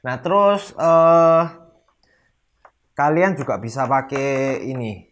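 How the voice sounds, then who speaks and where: A young man giving a casual language lesson, chatting and acting out sample complaints to a hotel desk, and slowing down to say each foreign phrase. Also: medium pitch, animated. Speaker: language teacher.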